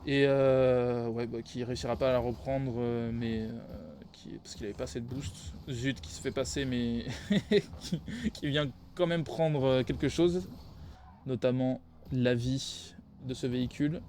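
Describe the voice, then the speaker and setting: A man's voice: medium pitch, steady tone, measured pace, a little mellow, slight background noise. Tired man rambling through game commentary. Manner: rambling, self-correcting, laughs at own slips. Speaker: esports caster.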